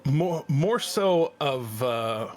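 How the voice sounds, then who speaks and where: Guy running a d&d game, slow and halting, lots of uhs, average pitch. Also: expressive, darkish tone. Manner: halting, many fillers and restarts. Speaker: game master. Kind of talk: narrating a tabletop game.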